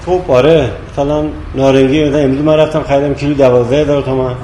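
A man's voice: mid-range voice, fairly even intonation, dark tone. A man interviewed as a shopper, answering informally in an echoey field recording. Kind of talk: informal vox pop. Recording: echoey, muffled, faint ambient noise.

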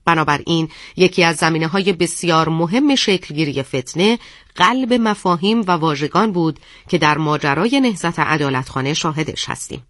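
A narrator reading a scripted radio segment in a measured, didactic manner. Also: mid-range voice, animated, a bit bright, no room sound, clean studio sound.

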